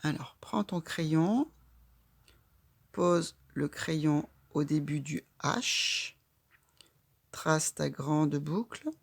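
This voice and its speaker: A woman's voice: deep voice, drawn-out words, gravelly, long pauses, breathy edge, no room sound. A woman teaching handwriting, giving patient step-by-step instructions to a child. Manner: patient, calm, guiding a child stroke by stroke. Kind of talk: slow step-by-step handwriting lesson.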